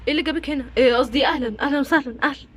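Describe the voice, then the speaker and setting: A woman doing a low-voiced man doll with an Egyptian accent. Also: very fast, a bit bright. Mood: flustered. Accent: Egyptian Arabic. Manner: lowered voice, evasive, flustered. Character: busy young man doll, an engineer.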